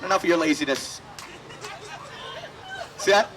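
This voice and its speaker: A man's voice: on the high side, a little slow, noisy background. A man doing profane stand-up crowd work on an outdoor festival stage. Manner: profane, conversational crowd banter. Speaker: stand-up comedian.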